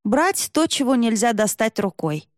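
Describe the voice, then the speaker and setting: A woman voicing a cold, menacing male owl-serpent creature who speaks slowly and drawn out. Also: fairly high pitch, very animated, no echo, clean studio sound, pitched above the performer's own voice. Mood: coldly menacing.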